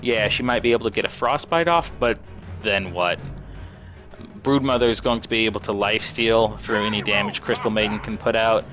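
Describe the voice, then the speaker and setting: A man with a raspy voice giving casual, chatty live commentary on a game as an esports caster. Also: lowish voice, fairly quick, a bit bright, muffled recording, faint music behind. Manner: casual, chatty play-by-play with fillers.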